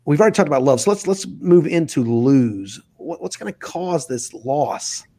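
A man's voice: fairly high pitch, lively intonation, moderate pace, warm tone. A man hosting a podcast interview, earnest and emphatic, his voice jumping up to stress a point. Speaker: interview host.

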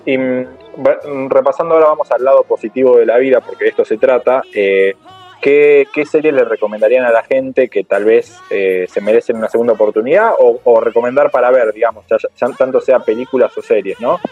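A man's voice: mid-range voice, brisk. A man with an Argentine accent hosting a casual panel and asking the guests for recommendations. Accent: Argentine Spanish. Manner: relaxed, steering the talk. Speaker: host. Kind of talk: casual group chat. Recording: dull lo-fi call audio with faint music.

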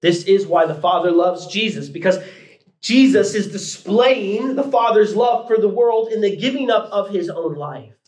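A man's voice: high-pitched, animated, moderate pace, darkish tone. A man in his thirties preaching a sermon, building to emphatic peaks with casual asides. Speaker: pastor. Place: church sanctuary. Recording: echoey church room.

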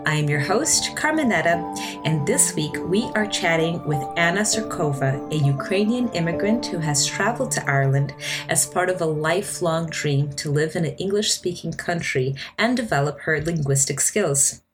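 A woman hosting an interview podcast, enthusiastic and quick to laugh. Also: deep voice, expressive, over music. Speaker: podcast host.

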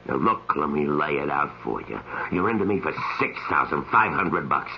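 A man's voice: a bass voice, lively intonation, normal speed, creaky, a little hiss or hum, heavily acted. An actor playing a cruel, mocking male loan shark who threatens with a knife, in an old-time radio drama. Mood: menacing. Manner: taunting, drawling, mocking. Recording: dull lo-fi old radio recording.

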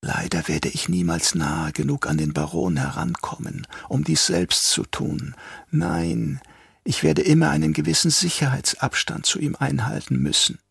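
A man voicing a sly, half-mad old doctor who turns traitor, speaking in a hushed, whispery, drawn-out voice. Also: on the high side, expressive, creaky, husky, dry recording, studio quality, voice pushed up, exaggerated voice. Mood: sly menace.

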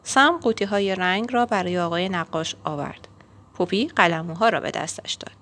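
A woman reading a children's picture book aloud in a gentle, expressive storytelling manner. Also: on the low side. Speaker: storybook reader.

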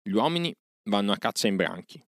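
A man voicing a wise old panther who speaks in measured, mocking asides in a storybook reading. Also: on the low side, big pitch swings, dry recording, studio quality. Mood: sardonic.

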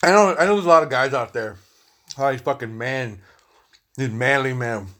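A man's voice: medium pitch, a little fast, a bit bright. A young man hosting his own podcast, ranting casually with constant swearing and filler words while he eats. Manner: profane, rambling, heavy fillers, eating on mic. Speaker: podcast host. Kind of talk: casual solo podcast rant.

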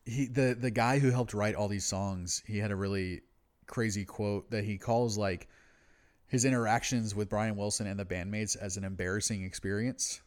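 Low-pitched laid-back stoner guy, co-hosting. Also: fairly even intonation, normal speed. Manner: laid-back stoner talk, slangy and sweary. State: habitually high on cannabis. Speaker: podcast co-host. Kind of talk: casual album discussion.

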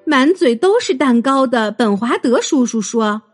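A woman narrating a children's story in a gentle, expressive way. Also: high voice, measured pace, faint music behind.

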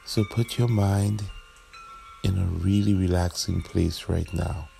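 A man with a very low, heavily creaky voice leads a guided meditation. He speaks very slowly and gently, leaving long pauses between short phrases. Ambient chimes and background noise sit under his soothing delivery. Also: fairly even intonation.

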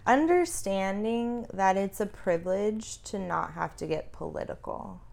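A woman's voice: mid-range voice, unhurried, vocal fry, a little mellow. A woman co-hosting a casual advocacy talk, informal and emphatic, repeating herself to drive points home. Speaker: co-host.

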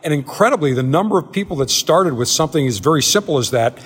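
A man's voice: on the high side, animated, quick pace, slightly rough, big-room sound. A man hosting a travel show, interviewing a guest in a large tasting room and telling stories as he asks questions. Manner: chatty, storytelling interviewer. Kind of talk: hosted interview.

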